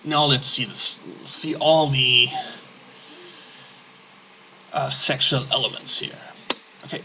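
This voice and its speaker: A man's voice: medium pitch, fairly even intonation, takes it slowly, sharp tone, slight background noise, low-quality recording. A man playing a text-based game, reading its text aloud and adding casual muttered asides. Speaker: let's play gamer.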